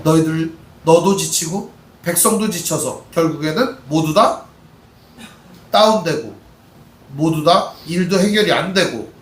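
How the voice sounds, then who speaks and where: A man's voice: fairly high pitch, lively intonation, measured pace, long pauses, echoey room, distant mic. A man with a Chungcheong accent preaching an expository sermon as pastor, talking conversationally and asking the congregation questions.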